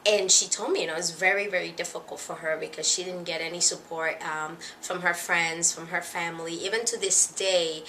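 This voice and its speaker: Young woman, from the Dominican Republic, casual vlog, hesitant, filler-heavy, slightly nervous, somewhat low voice. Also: steady tone, fairly quick, hardly any pauses, bright, forceful tone, a little hiss or hum. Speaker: vlogger. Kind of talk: casual vlog talk to camera.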